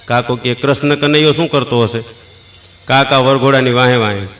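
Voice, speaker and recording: At a moderate pace, a man with a steady, fairly bright, mid-range voice and a Kathiyawadi Gujarati accent tells folksy jokes as a stand-up act. He plays out the characters' parts, sings short stretches of procession songs, and laughs at the punchlines himself.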